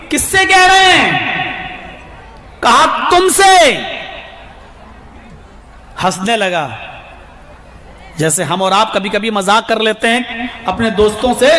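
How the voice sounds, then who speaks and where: High bright voice, urdu-accented maulana acting out stories, echoey hall. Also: male voice. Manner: animated storytelling, shouting at high points, acting out quoted speakers. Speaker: preacher. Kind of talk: sermon.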